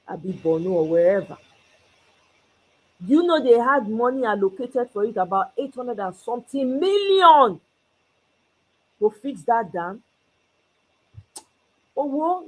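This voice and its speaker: On her commentary channel, a Nigerian woman abroad offers solo political opinions with passion, blending Pidgin and English. Her voice is fairly high and husky, captured in a rough recording.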